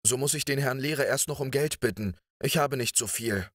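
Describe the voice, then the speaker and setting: A man's voice: mid-range voice, a little fast, no echo, voice pushed up, natural voice. A man voicing an anxious schoolboy who pleads, close to tears, in an audiobook story. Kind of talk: audiobook reading.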